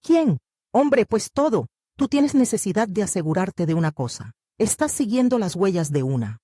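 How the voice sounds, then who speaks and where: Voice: medium pitch, sing-song, normal speed, mellow, slightly rough, dry recording, studio quality. Judas Iscariote, read by an audiobook narrator. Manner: bitter, argumentative, protesting. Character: resentful, defensive male disciple. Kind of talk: audiobook reading.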